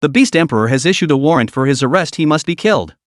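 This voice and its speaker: A man's voice: fairly high pitch, animated, fast talker, no echo, studio quality, close to an everyday voice. A man voicing a hostile weasel demon king. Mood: alarmed.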